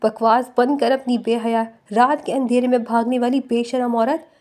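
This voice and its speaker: A woman's voice: fairly high pitch, fairly even intonation, a little mellow, lightly acted. A woman voicing a brutal, domineering male village chieftain who snarls insults in an audio novel. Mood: contemptuous. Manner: snarling, abusive.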